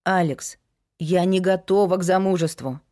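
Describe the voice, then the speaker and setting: A woman's voice: on the low side, normal speed, dark tone, lightly acted. A woman voicing a young woman, a frank and resolute investigator, in an audiobook. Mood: hesitant.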